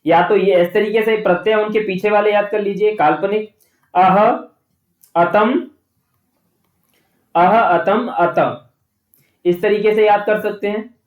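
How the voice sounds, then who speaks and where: A man's voice: high-pitched, fairly even intonation, takes it slowly, long pauses, roomy sound, phone-quality sound. A man teaching an exam-prep lecture, explaining step by step and often checking in with his listeners. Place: away from his usual studio.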